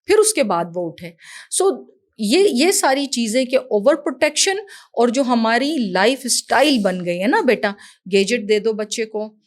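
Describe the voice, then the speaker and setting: Animated middle-aged woman educator, higher voice. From Pakistan. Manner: animated, mixes in English phrases, calls the host "son". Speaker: education professional, guest. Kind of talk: casual interview conversation.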